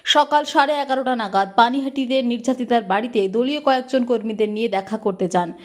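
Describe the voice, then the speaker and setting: A woman's voice: on the high side, a little fast, darkish tone. Woman reading a formal news report. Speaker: news anchor. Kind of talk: scripted news narration.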